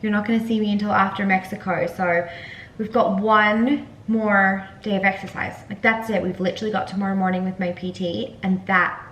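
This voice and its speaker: A young woman with a soft Edinburgh Scottish accent blended with Australian, chatting casually to her phone camera in a rambling vlog style. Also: mid-range voice, fairly even intonation, brisk, echoey room, dull audio. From Scotland, raised partly in Australia. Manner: chatty, rambling, frequent "like" and "you guys". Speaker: vlogger.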